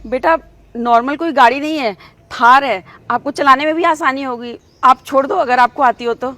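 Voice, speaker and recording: A woman's voice: sits high, normal speed, bright, forceful tone, no room sound. A woman playing a polite middle-aged mother who patiently asks a stranger for help in a short acted skit. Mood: pleading.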